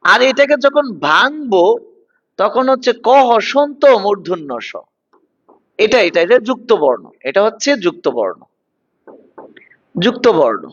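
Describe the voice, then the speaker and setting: A man's voice: high-pitched, very animated, measured pace, pauses often, fairly bright tone. A man in his thirties teaching an online class, repeating words and coaxing his students along. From Bangladesh. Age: 30s. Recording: dull lo-fi online class audio.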